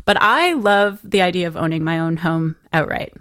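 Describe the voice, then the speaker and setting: A woman talks as a podcast guest in a candid, chatty way, laughing easily between thoughts. Her voice sits a little low for a woman. The recording is dry and close, with no room sound. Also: animated, normal speed, fairly bright tone, no echo. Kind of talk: casual podcast chat.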